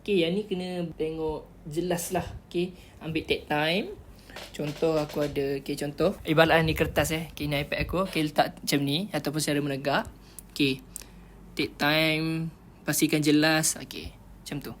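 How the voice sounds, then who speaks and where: In her casual vlog, a woman explains interview tips in a low-pitched, steady voice at a moderate pace. She repeats key words while keeping things chatty and instructive, with slight hiss or hum audible.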